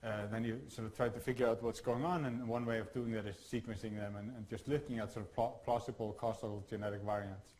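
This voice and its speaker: Halting Icelandic-born man lecturing. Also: fairly low pitch, little pitch movement, a little mellow, low-quality recording. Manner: halting, many fillers and restarts. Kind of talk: academic workshop lecture.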